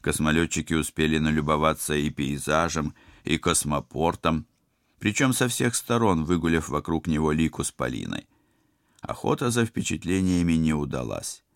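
A man narrating an audiobook in an expressive, wry style. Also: rumbling low, moderate pace, no echo, studio quality. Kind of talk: scripted narration.

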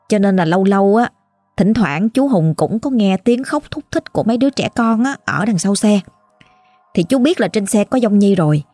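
A woman's voice: medium pitch, mellow, no echo. A woman with a Southern Vietnamese accent narrating a ghost story in a chatty, exclaiming way, talking straight to her listeners.

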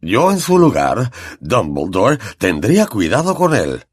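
A man's voice: fairly low pitch, wildly swooping pitch, unhurried, slightly rough, no room sound, clean studio sound, exaggerated voice. A man voicing a flustered, pompous middle-aged male government minister who blusters and huffs. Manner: blustering, huffy.

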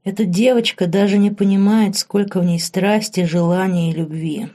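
A woman reading the part of a cynical, lustful male inner demon in an audiobook, low and insinuating. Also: fairly even intonation, moderate pace, dark tone, lightly acted.

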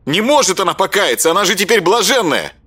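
A man's voice: sits high, sing-song, fast talker, pushed and bright, slightly rough, heavily acted. A man voicing an indignant, protective young woman who pleads in outrage. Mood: outraged. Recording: music bed behind voice.

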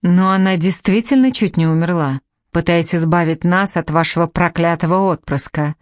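A woman's voice: lowish voice, moderate pace, no echo, clean studio sound, close to an everyday voice. A woman voicing a charming, teasing young prince in an audiobook, drawling and playfully ironic. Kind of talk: audiobook character reading.

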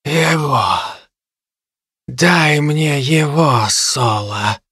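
A man's voice: on the high side, very slow, bright, forceful tone, slightly rough, no room sound, clean studio sound, heavily acted. A man reading an audiobook voices a ravenous female harpy who shrieks her demands. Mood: shrill greedy.

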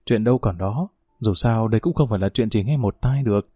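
A man voicing a calm older grandfather who urges patience in a spoken family drama. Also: lowish voice, a little fast, breathy edge, no echo, clean studio sound. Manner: gentle, soothing.

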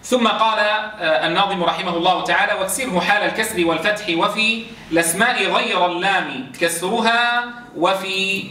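High-voiced man teaching recitation in an echoey room. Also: pushed and bright. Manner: explains step by step, drawing out sounds slowly to demonstrate; keeps checking understanding with quick questions to students. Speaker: Quran teacher. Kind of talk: classroom lesson on recitation rules. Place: classroom with students. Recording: echoey room, voice from a distance, faint noise.

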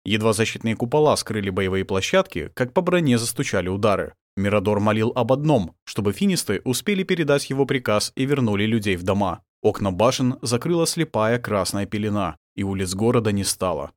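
A man narrating an audiobook in a dramatic, expressive reading. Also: lowish voice, a little fast, few pauses, dry recording, clean studio sound. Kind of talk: scripted narration.

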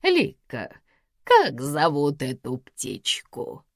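A woman reading an audiobook, voicing a domineering elderly woman of eighty-two who scolds in slow, drawn-out, commanding phrases. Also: low voice, wildly swooping pitch, gravelly, no echo, clean studio sound, heavily acted. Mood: scolding, domineering. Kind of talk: audiobook character voice.

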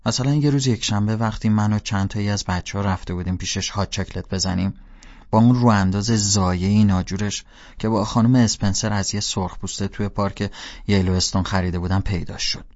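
A man's voice: fairly low pitch, a little mellow, dry recording, lo-fi sound. A man narrating a first-person audiobook in a casual, slangy storytelling voice.

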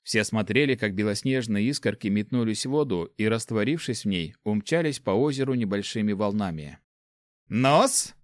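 A man narrating a fantasy story audiobook in a steady, even storytelling manner. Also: on the low side, fairly quick, hardly any pauses, no room sound, clean studio sound. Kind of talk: scripted narration.

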